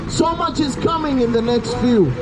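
A man, preaching an urgent open-air sermon by a busy road through a handheld mic and speaker. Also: very high-pitched. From Kenya. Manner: loud, urgent preaching with drawn-out warnings. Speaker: street preacher. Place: roadside outdoors by a busy street. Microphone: handheld mic through a portable speaker, camera at a distance. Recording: street traffic noise, open air.

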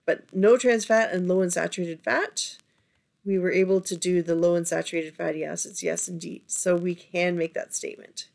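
A woman's voice: on the low side, steady tone, moderate pace, gravelly, a little mellow. A middle-aged woman from Canada teaching a recorded lesson, talking in an encouraging, conversational way while losing her voice. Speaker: instructor. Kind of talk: lecture over screen recording.

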